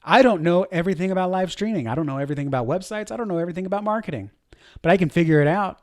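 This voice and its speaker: A man teaching church media leaders in a casual, chatty way, often poking fun at himself and acting out panicked and calm voices as examples. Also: sits high, rapid-fire. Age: adult. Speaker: course instructor for church media teams. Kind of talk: casual teaching talk to camera.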